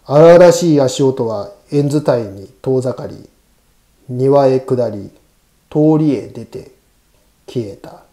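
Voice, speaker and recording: Guy reading a creepy ghost story, hushed and deliberate, super mellow dark voice. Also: mid-range voice, animated. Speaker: narrator. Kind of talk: scripted ghost story narration.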